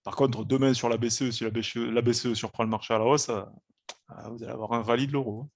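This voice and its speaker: A man's voice: medium pitch, fast. A man hosting a live trading stream, giving casual, explanatory market commentary. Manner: relaxed, explanatory, repeats "hein" and "quoi".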